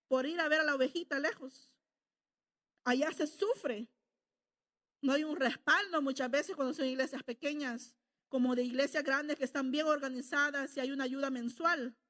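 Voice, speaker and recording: A middle-aged woman with a fairly high, somewhat bright voice preaches a sermon in a conversational style. She keeps checking in with the congregation, asking "¿verdad?"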